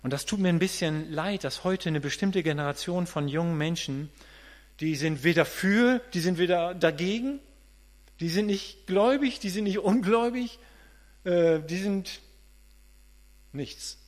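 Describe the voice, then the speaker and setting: This late-fifties preacher has a high-pitched voice and an unhurried delivery. His sermon is earnest and conversational, with frequent restarts and repeated words as he works through his thoughts. Mains hum and reverb from a large hall color the recording.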